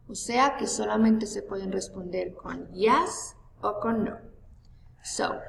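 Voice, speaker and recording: A woman teacher giving a bilingual grammar lesson, slow and deliberate, spelling out each example. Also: on the high side, vocal fry, a little mellow, slight background noise. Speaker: English teacher. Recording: echoey room heard from far off.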